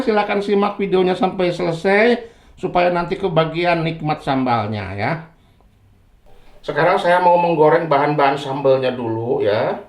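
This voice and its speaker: A man's voice: medium pitch, roomy sound. A man with an Indonesian accent hosting a home cooking tutorial in his kitchen, chatty and friendly, tacking "ya" onto his phrases. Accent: Indonesian, with Sundanese terms. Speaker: cooking channel host. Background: frying and sizzling.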